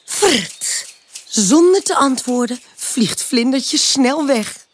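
Slow gentle woman reading a children's story. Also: on the high side, very animated, husky, no echo. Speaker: narrator.

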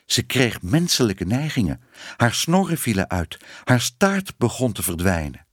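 A man's voice: medium pitch, sing-song, measured pace, dry recording, studio quality. A man voicing a stern, disapproving old female cat who scolds and bosses her niece. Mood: bossy.

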